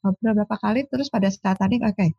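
A woman, a sports psychologist telling lively stories in a casual interview. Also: medium pitch, quick pace, vocal fry, husky, dry recording, muffled recording. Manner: animated storyteller, acts out quoted dialogue.

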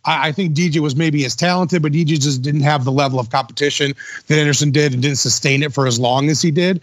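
Excitable podcast dude, a bit high-pitched, dry close sound, keeps saying bro. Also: male voice, quick pace, dry recording. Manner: enthusiastic, uses slang like dude and bro. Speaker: podcast host. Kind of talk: casual chat.

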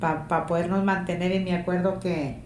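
A middle-aged woman telling her grown child about her childhood in a casual family interview, with a strong voice and a lively way of acting out remembered conversations. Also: lowish voice, moderate pace. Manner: animated, strong voice, acts out remembered dialogue. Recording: echoey room with faint ambient noise.

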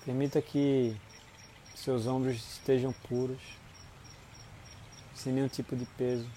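A Brazilian man guides a relaxation in a dark, mellow voice of medium pitch. His delivery is soothing and unhurried, with short phrases set apart by long pauses. A light bed of insect and nature noise runs behind him. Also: flat delivery. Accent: Brazilian Portuguese. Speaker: guided meditation instructor. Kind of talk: guided body-scan relaxation.

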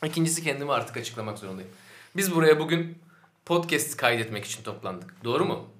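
A man's voice: medium pitch, animated, fast, roomy sound. A man hosting a casual podcast, arguing his case in a mock-indignant way with his friends. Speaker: podcast host.

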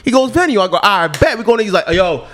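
A man's voice: high-pitched, fast. A man in his thirties hosting a casual chat, telling stories in a joking, slangy way. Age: 30s. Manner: animated, joking, slangy storytelling. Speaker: podcast host.

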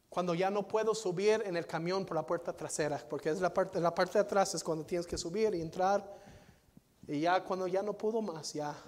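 High-voiced preacher in a reverberant hall. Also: male voice. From United States. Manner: dynamic preaching, swings from soft to loud, repeats phrases. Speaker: pastor. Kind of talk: sermon. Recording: long reverb of a large hall.

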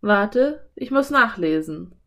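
A woman's voice: mid-range voice, lively intonation, takes it slowly, fairly bright tone. A woman voicing a cautious, bookish young boy in an audiobook, speaking earnestly and a little emphatically.

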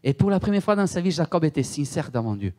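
Very animated and fast-talking, an Italian-born man preaches in a heavy Italian accent, his dark-toned voice pitched a bit high for a man. He is emphatic, repeating words and often directing questions at his listeners.

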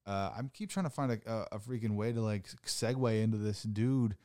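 A man's voice: fairly low pitch, a little fast, warm tone, no room sound, studio quality. A man in his thirties chatting casually as a podcast host and comic, rambling with lots of "like" and swearing. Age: 30s. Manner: loose, rambling, swears often, says "like" a lot. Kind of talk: casual chat.

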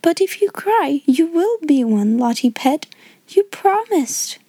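A woman voicing a kind, self-controlled young schoolgirl in a storybook, steady and earnest. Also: sits high, moderate pace, no echo, pitched above the performer's own voice. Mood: soothing. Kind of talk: storybook character voice in audiobook.

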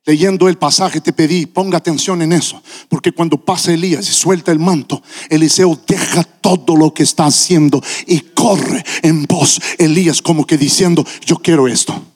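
A man preaching a sermon with passion, his delivery building up to shouting. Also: a little high, fairly even intonation, moderate pace, few pauses.

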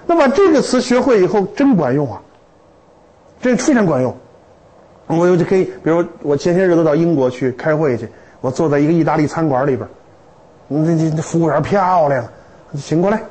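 A man lecturing to students in a lively, humorous way, with stories and rhetorical questions. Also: on the high side, a little fast, breathy edge, rough recording.

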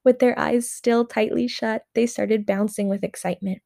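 A woman narrating a personal story in the first person, in a gentle, unhurried way. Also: fairly high pitch, steady tone, creaky, dry recording, clean studio sound.

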